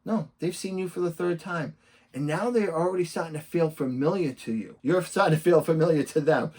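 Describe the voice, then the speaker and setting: Man with a Boston accent, a bit higher-pitched than most, emphatic sales coach who acts out cheerful sample messages. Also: fairly quick, darkish tone, husky. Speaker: real estate coach. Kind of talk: instructional talk to camera.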